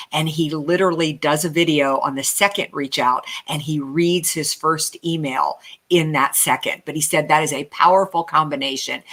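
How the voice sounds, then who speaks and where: A woman's voice: low-pitched, a bit bright. A woman co-hosting a sales podcast, chatty and talking casually with many fillers. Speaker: podcast co-host.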